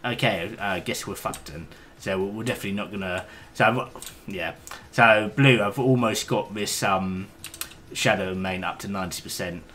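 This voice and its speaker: A man's voice: lowish voice, moderate pace, fairly bright tone, a little hiss or hum. A man streaming a game, chatting casually with hesitant, rambling talk and the odd swear. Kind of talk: casual gaming stream chat.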